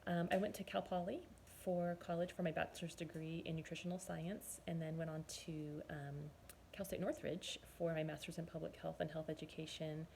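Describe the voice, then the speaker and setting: A woman in her forties speaks in a low, gravelly voice. She tells her own story as a nutrition and fitness coach, chatty and earnest, often pausing to recall. A faint hiss sits under her voice. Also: little pitch movement, a little mellow. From Southern California, US. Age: 40s. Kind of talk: personal testimonial monologue.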